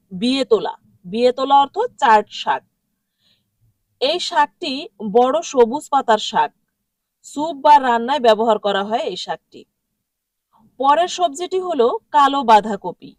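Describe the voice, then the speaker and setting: A woman's voice: high voice, no room sound. A woman teaching a vocabulary lesson, repeating each word and asking the listener to say it back. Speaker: language teacher. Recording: dry sound from a distant mic.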